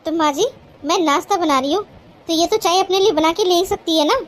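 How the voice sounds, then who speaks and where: A sharp-tongued elder daughter-in-law from a cartoon, voiced by a woman, lecturing everyone around her about how much work she carries. Her voice sits very high and thin. She talks in a scolding, fed-up way. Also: fairly quick. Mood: defensive. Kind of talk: cartoon voice acting.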